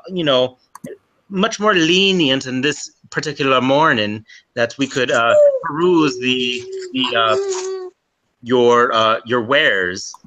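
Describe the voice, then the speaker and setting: A man's voice: fairly high pitch, sharp tone, poor audio. A man voicing a rambling, flowery male adventurer in an improvised tabletop role-play, with an attempted Irish accent. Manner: rambling, flowery, stumbling over words.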